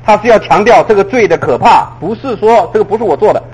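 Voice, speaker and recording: A male preacher delivers a sermon in a high, husky voice. He talks in a lively way, keeps asking his listeners rhetorical questions and laughs lightly at his own examples. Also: quick pace, low-quality recording. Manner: chuckles at his own points.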